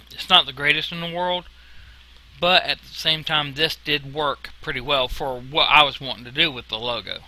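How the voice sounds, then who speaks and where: A man giving an informal software tutorial in a casual, folksy way, with a whistle on his s sounds. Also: fairly high pitch, moderate pace, poor audio. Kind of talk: informal screen-recorded tutorial narration.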